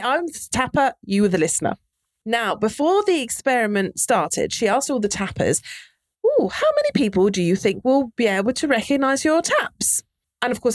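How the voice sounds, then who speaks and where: A woman's voice: medium pitch, no room sound. A woman presenting a conversational explainer, speaking straight to the listener and posing rhetorical questions, recorded on a close microphone. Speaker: marketing trainer and presenter.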